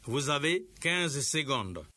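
A man teaching a scripted radio lesson, giving slow, clear instructions to teachers and pupils. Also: on the high side, very animated, sharp tone, soft background music.

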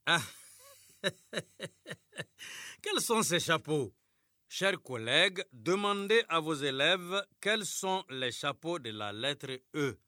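A man teaching a scripted radio lesson to primary pupils, speaking slowly, clearly and patiently. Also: a little high, lively intonation, sharp tone, no room sound. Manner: slow, clear, patient classroom delivery.

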